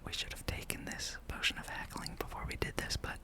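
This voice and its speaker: This gaming ASMR host never uses full voice, only a soft, unvoiced whisper held near the microphone. The talk is a casual, leisurely ramble laid over gameplay.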